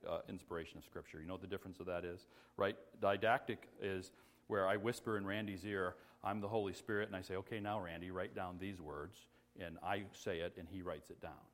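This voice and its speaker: A man preaching a sermon as pastor, mixing loud, excited exclamations with quiet, conversational teaching asides and humor. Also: lowish voice.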